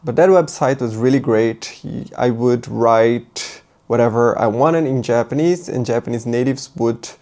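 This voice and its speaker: Unhurried and dark-toned at a medium pitch, a male language teacher who grew up speaking Portuguese leads a relaxed tutorial. He thinks out loud, murmurs as he writes, and keeps things chatty with frequent "right?" check-ins.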